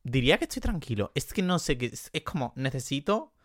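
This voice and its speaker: A young man of middle pitch hosting his podcast, talking fast and tumbling from one idea to the next. He is self-deprecating and stressed from exams, and acts out his own thoughts with leaps in pitch. The sound is dry and close, with no room echo. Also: sing-song, fairly bright tone. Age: young adult. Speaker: podcast host. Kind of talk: casual solo chat.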